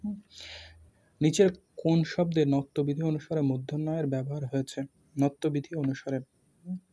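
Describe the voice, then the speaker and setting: A man with a Bangladeshi Bengali accent works through exam questions one by one as a tutor. He speaks haltingly, pausing often and filling gaps with hesitations. His voice is husky and mellow, set a little high. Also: fairly even intonation. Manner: halting, with many fillers and pauses.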